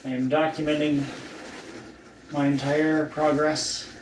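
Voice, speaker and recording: A man talking casually in a recovery vlog, weak and sore after surgery, halting and trailing off with long pauses. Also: a little high, flat delivery. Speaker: vlogger documenting own surgery recovery. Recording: roomy, distant mic, faint background noise.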